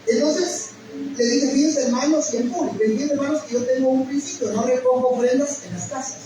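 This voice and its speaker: A man's voice: extremely high pitch, brisk. A middle-aged man, a pastor, telling an emotional personal testimony in a sermon and often calling listeners "brother". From Guatemala. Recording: echoey hall, mic at a distance, noisy.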